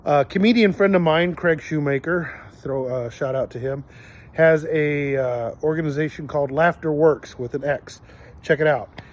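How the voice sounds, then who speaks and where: A man's voice: a little high, normal speed. A middle-aged man hosting a podcast, telling personal stories in an earnest, rambling way with many fillers and restarts. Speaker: podcast host. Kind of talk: casual storytelling monologue.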